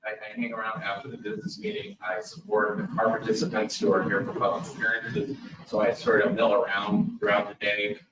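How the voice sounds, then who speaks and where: A man who directs a medical program, giving public comment to a commission in a friendly, halting way with many "uh" fillers. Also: fairly low pitch, completely flat delivery, background noise. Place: public meeting room. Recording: echoey room, mic far off, dull sound.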